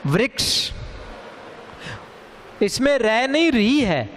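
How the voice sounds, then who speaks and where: A man teaching a Hindi grammar lesson on correct pronunciation, speaking deliberately and repeating words to stress the right sound. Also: high-pitched, expressive. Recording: long reverb, faint ambient noise.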